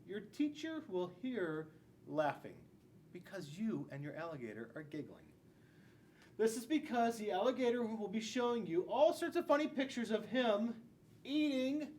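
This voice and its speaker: Reading a storybook to young children in a classroom, this school resource officer in his forties drops in playful, chatty asides. He has a high, sing-song voice with a darkish tone and goes a little slow. A camera a few feet off records him, giving a distant sound and faint room noise.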